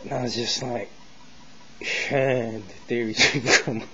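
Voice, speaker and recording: Recorded with dull, lo-fi sound and a little faint noise, this American vlogger offers his opinions in a loose, rambling monologue, using street slang and often looping back to say things again. He has a mid-range, fairly bright voice, keeping a steady tone and a measured pace.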